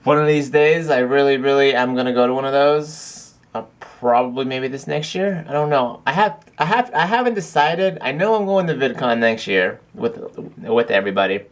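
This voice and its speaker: A man's voice: medium pitch, lively intonation, normal speed. A young man chatting casually to camera in a video blog at home, rambling with lots of fillers and restarts. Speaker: vlogger. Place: cold house.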